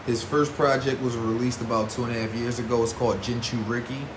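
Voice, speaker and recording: This time the host talks fairly quickly in a medium-pitched voice with little pitch movement, giving casual vlog commentary on battle rap artists. His speech is slangy and informal with emphatic repetition, and the recording has roomy echo and clear background noise.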